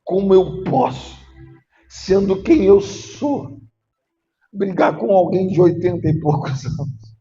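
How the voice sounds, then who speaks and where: A male pastor preaching a sermon, emotional and at times rising to shouting. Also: sits high, slow, pauses often. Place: church. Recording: muffled echoey church hall.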